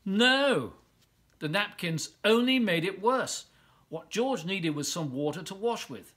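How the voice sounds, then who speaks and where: A volunteer storyteller, a man, reads a children's picture book aloud with lots of expression, stretching out words and pausing for drama. His voice is high, lively, and somewhat bright.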